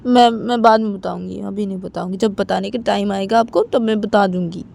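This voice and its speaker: A woman's voice: medium pitch, fairly even intonation, a little fast, creaky, darkish tone, voice pushed up. A woman voicing a college-age daughter who pleads with her father, repeating "papa" over and over in an amateur spoken story. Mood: pleading. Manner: repetitive, pleading with many "papa"s.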